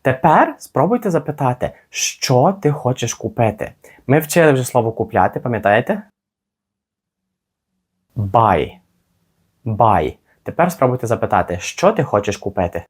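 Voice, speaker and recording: A man teaching a spoken English lesson, modelling phrases slowly and carefully for listeners to repeat. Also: medium pitch, big pitch swings, breathy edge.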